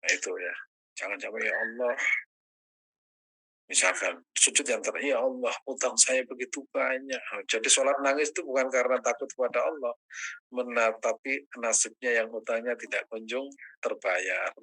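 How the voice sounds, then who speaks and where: A man teaching as an ustaz in a religious study session, answering questions, quoting Arabic prayers and rising high in pitch when stressing a point. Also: normal speed, pushed and bright, husky, rough recording.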